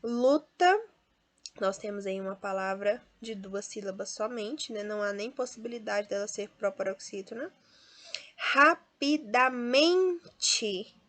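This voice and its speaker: A woman teacher with a Brazilian Portuguese accent who explains step by step and draws out each example word. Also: medium pitch. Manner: explains step by step, often adds tag questions; stresses and drawls out example words. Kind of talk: classroom lesson.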